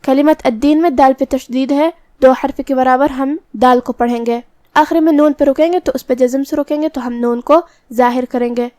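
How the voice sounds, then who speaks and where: High smooth-voiced woman teaching recitation rules. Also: fairly even intonation, a little mellow, dry recording, studio quality. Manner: explains each letter rule step by step. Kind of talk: tajweed lesson with slow recitation.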